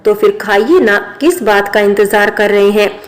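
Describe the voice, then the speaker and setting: A woman's voice: mid-range voice, a little slow, natural voice. Woman reading a touchy young maid. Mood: earnest.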